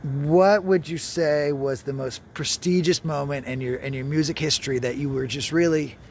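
Man interviewer, somewhat high voice, enthusiastic, encouraging, outdoors, faint traffic. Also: steady tone, normal speed. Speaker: interviewer, vlogger. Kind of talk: casual street interview. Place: outdoors in a city park.

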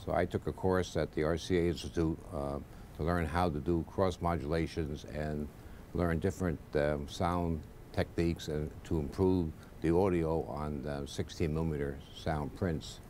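A man's voice: rumbling low, fairly even intonation, normal speed, darkish tone, slight background noise. A man, a graduate and lab president, recalling his training hesitantly in an interview. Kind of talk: interview recollection.

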